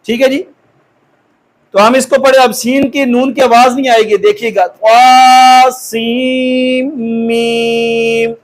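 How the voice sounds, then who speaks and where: A man teaching Quran recitation step by step, patiently checking in with his students and stretching out each syllable slowly as he demonstrates it. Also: extremely high pitch, over music.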